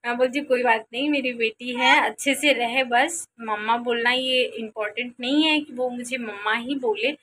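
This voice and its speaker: Bright high-voiced woman vlogger. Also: moderate pace, hardly any pauses, a little hiss or hum. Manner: sing-song coaxing with baby, then relaxed rambling talk to viewers. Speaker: vlogger and mother. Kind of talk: casual home vlog chat.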